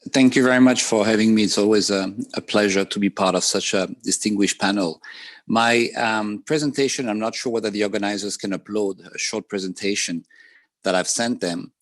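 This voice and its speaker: A Frenchman with a French accent speaks as a panelist on a video call, measured and pausing with "um" between points. His voice is on the low side, and the recording is dry.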